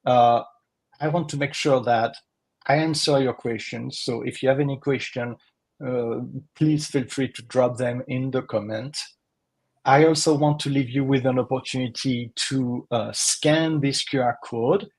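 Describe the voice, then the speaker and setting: Husky-voiced man hosting a marketing webinar. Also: mid-range voice. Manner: earnest, frequent uh fillers, slight non-native phrasing. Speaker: webinar co-host, marketing consultant. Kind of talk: live webinar presentation.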